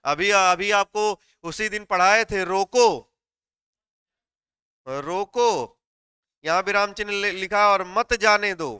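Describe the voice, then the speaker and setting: Running a live class online, this teacher walks through material step by step, puts questions to the students, and reads out notes slowly, one word at a time. He has a high, sharp yet smooth voice, captured in clean studio sound with no echo.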